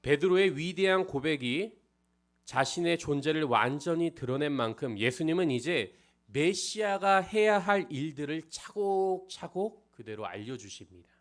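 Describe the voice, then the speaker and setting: Man preaching with lively, swinging pitch. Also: unhurried. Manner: frequent rhetorical questions to the congregation; swings between loud emphasis and hushed near-whispers. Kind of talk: expository sermon.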